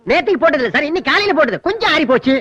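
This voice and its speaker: An actor in a Tamil comedy film playing a loud, excitable shop owner who shouts and bickers. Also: male voice, very high voice, very fast, dull audio, faint music behind, full character voice.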